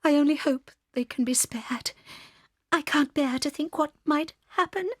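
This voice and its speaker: A woman's voice: sits high, unhurried, no echo, clean studio sound. An actress playing a frail, anxious, devoted mother fox in an audiobook drama, pleading and emotional. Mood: fearful, weak. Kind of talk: audiobook radio-play acting.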